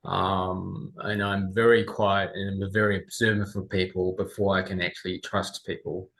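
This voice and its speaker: A man in his forties with a New Zealand accent, telling his story as an interview guest, halting and full of pauses. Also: sits low, flat delivery, gravelly, a bit bright, poor audio. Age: 40s. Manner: halting, with many pauses and fillers. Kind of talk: remote interview.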